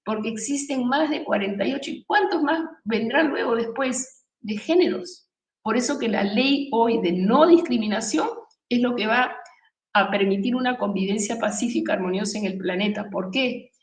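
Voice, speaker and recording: A woman's voice: on the high side, normal speed. A woman giving a spiritual talk to an audience, emphatic and preaching, with many rhetorical questions, recorded from some distance in an echoey room. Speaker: spiritual speaker. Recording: echoey room, voice from far off the mic.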